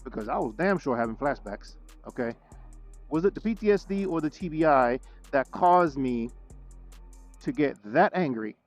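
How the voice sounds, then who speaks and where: A man's voice: mid-range voice, lively intonation, moderate pace, soft background music. A man venting in a vlog, indignant, repeating himself and stuttering as he rants about being shut out. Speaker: vlogger. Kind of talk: frustrated talking-head vlog rant.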